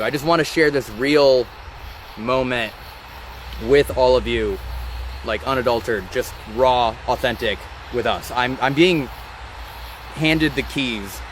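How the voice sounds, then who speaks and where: A man hosting a live-stream vlog outdoors, talking in an excitable, rambling and emotional way. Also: mid-range voice, unhurried, pauses often, a little hiss or hum. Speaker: ghost-hunting channel host. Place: outdoors by a rock wall during a thunderstorm. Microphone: phone or camera on a live stream.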